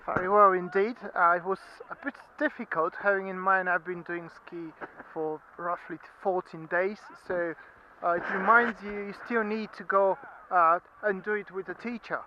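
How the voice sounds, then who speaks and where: A man's voice: sits high, fairly even intonation, moderate pace, slight background noise. A man answering casually in an interview as a ski student. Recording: dull, muffled sound.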